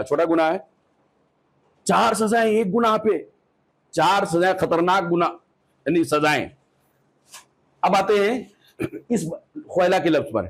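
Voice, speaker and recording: A man teaching a hadith class, asking his students questions, repeating key points and reciting Arabic phrases slowly before explaining them. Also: a little high, rough recording. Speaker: Islamic teacher.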